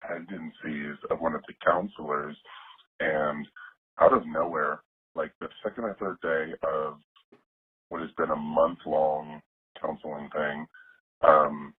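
A man from the American South leaving a candid, wry voicemail with his voice disguised by a voice changer. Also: husky. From Southern United States. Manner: candid, wry confessional telling. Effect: deep voice changer disguising the voice. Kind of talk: casual phoned-in story. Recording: phone-like voicemail through a voice changer.

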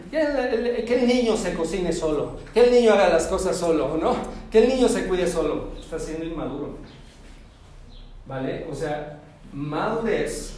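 A man giving a lively talk to an audience, asking them questions and acting out little scenes. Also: sits high, slight background noise. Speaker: speaker giving a talk on forgiveness. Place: large hall before an audience. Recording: echoey hall, voice from far off.

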